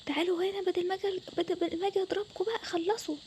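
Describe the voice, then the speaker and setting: A woman's voice: extremely high pitch, fairly even intonation, racing, slight background noise. A young woman voicing a strict, short-tempered mother who scolds and threatens her children, speaking with an Egyptian Arabic accent. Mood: scolding. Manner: scolding, loud, harsh. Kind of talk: storytelling with toy game figures.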